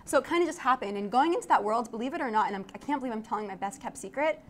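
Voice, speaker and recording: Quick-talking young woman, fairly high voice. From Iraq. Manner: chatty and animated, laughs often. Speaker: interview guest, architect and tech founder. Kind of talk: casual interview chat. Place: event studio.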